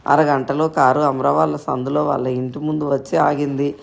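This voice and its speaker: A man reading a short story aloud in steady, scripted narration. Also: on the high side, moderate pace, vocal fry, muffled recording, a little hiss or hum.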